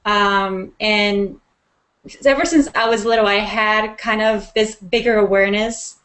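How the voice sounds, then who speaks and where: A woman's voice: medium pitch, steady tone, a little slow, fairly bright tone. A woman from Mexico, a guest in an interview, telling her personal story in an earnest, reflective way with frequent ums.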